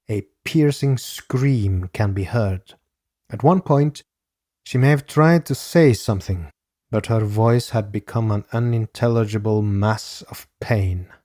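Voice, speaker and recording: A man narrating a true-crime podcast in a grave, measured reading. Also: mid-range voice, a little mellow, no echo, clean studio sound. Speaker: podcast host.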